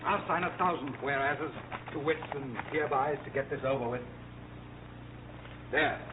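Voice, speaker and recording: An actor playing an impatient, indignant divorcing husband in 1930s film style. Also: male voice, mid-range voice, moderate pace, close to an everyday voice. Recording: tinny, noisy 1930s film soundtrack.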